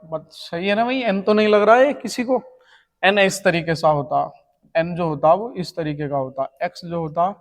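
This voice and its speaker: Here a male math teacher preps students for an exam, breaking a formula down one step at a time and repeatedly asking if everyone is following. His pitch is high for a man, and the recording rings with lengthy room echo.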